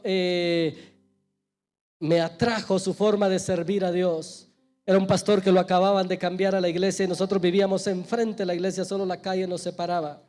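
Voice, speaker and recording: High-voiced pastor preaching. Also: male voice. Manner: storytelling preacher, swells loud then drops to a hush. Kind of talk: sermon. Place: church.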